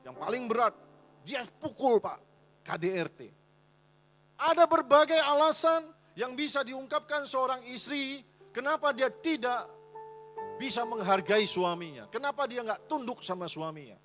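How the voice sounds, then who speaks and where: High-voiced man preaching. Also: expressive, moderate pace, fairly bright tone. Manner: emphatic preaching, voicing complaining wives in quotes. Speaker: pastor. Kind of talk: sermon. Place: church.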